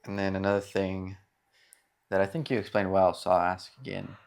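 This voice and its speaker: Male co-host with a deep voice, posing questions in relaxed faith conversation. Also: moderate pace, creaky. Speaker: podcast co-host asking questions. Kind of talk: casual faith discussion.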